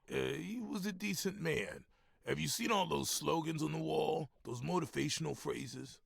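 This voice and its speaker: An actor playing a chatty, leering older gym worker in a noir game, raspy and folksy. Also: male voice, a little high, measured pace, dry recording, studio quality, full character voice. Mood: gossipy, lively. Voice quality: raspy, gravelly.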